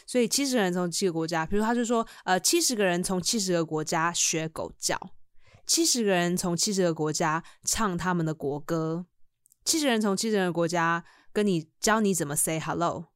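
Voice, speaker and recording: A young woman who grew up in the United States, chatting casually on a podcast as a lively storyteller who laughs a lot. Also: lowish voice, brisk, clear, resonant tone, no room sound, clean studio sound. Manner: lively storyteller who keeps laughing and acting out the people she quotes. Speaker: podcast co-host. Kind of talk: casual chat.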